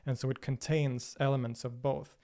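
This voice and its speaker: On a relaxed livestream Q&A, a Swedish-born man whose native tongue is Swedish fields viewer questions with care, frequently restarting and filling gaps. His medium-pitched voice is mellow and level, at a moderate pace.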